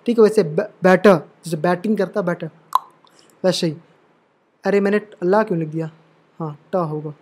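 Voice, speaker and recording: A male English teacher with a fairly high voice walks through pronunciation rules. He explains slowly and patiently, repeats each point, and keeps asking whether the students follow. He calls his viewers brother and dear. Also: a little mellow. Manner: patient, repetitive explaining, checks understanding. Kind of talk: classroom lesson at a board.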